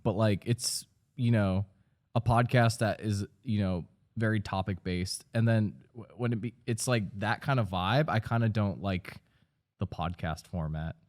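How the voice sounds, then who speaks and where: A man's voice: fairly low pitch, a little slow. A man in his early thirties, a podcast co-host, speaking in a laid-back, hesitant way as he searches for his words in casual chat. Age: 30s.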